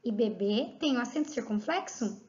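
A Brazilian woman teaching a grammar lesson to children, talking patiently and spelling each point out clearly. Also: a little high, animated, normal speed, darkish tone. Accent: Brazilian Portuguese. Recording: slightly dull lo-fi audio.

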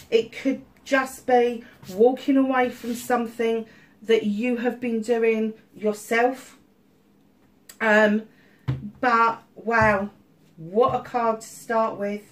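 Sitting at a crystal-covered table in a room at home, a middle-aged tarot reader talks slowly and casually, her fairly high voice staying level. Illness has left her a little stuffy-nosed, and her chatty, warm asides are peppered with ums. The recording quality is low.

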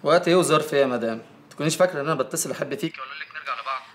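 An actor playing a sarcastic, taunting Egyptian ex-husband in a film drama. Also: male voice, fairly high pitch, very fast, a bit bright, natural voice.

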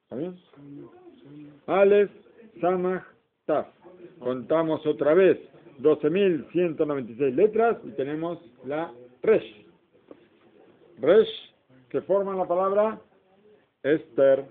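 A man's voice: on the high side, animated, slow pace, pauses often. A man teaching an informal Torah class, explaining step by step and asking the class questions. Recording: tinny phone-like recording.

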